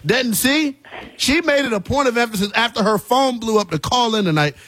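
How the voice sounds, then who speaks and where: Very high-pitched and a bit bright, a man's voice comes through briskly with no echo as he hosts sports talk radio in a studio. His monologue and chats with callers are colloquial and emphatic, full of repeated phrases for emphasis.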